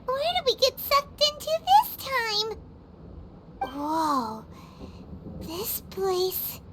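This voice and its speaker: A tiny floating fairy companion from a video game, excitable and easily worried. The voice is squeaky, childlike and extremely high, with lively swings in pitch. It exclaims in unhurried phrases over loud music. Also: female voice, very noisy, exaggerated voice. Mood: startled, curious. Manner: refers to self in third person, exclamatory.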